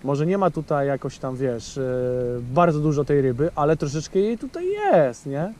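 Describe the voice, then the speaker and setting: The fishing host, a man in his thirties, sits high in pitch with big swings and a darkish tone, talking at normal speed. Out on a small lake boat and filmed on an action camera, he chats with his friend and addresses viewers directly, filling his speech with fillers.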